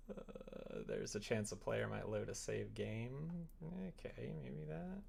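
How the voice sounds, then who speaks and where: Thinking out loud while coding a visual novel on stream, this speaker has a mid-range voice that is gravelly, husky and slightly mellow. They talk slowly and expressively, muttering to themselves and tossing out playful exclamations.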